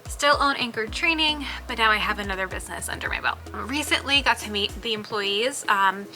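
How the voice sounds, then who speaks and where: A woman in her thirties, a business owner whose first language is Spanish, chats about her life in a casual vlog, filling her speech with "um" and "like." Her voice is fairly high, brisk, pushed and bright. Soft music plays in the background.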